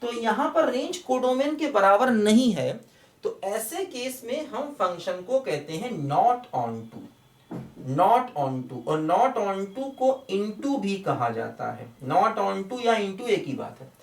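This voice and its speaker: Man, maths lecturer, fatherly and coaxing, animated up-and-down delivery, roomy echo, mic set back. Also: sits high, takes it slowly, vocal fry, recorded from a distance. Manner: fatherly, calls viewers children, keeps repeating "look". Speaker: maths teacher.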